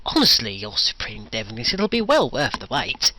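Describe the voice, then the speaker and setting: A man's voice: mid-range voice, wildly swooping pitch, normal speed, sharp tone, slight background noise. A man playing an obsequious, hesitant henchman in a comedy audio cartoon, nervously eager to please his evil master. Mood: nervous fawning. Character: fawning, nervous henchman of a supervillain. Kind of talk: audio comedy character acting.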